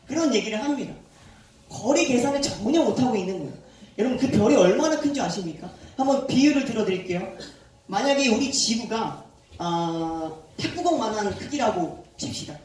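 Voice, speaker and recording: A man who is a youth pastor, preaching a sermon to a youth group and telling the story in a lively way while quizzing his listeners. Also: very high voice. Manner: animated storytelling, quizzes the audience. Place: church hall. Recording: echoey hall, far from the mic.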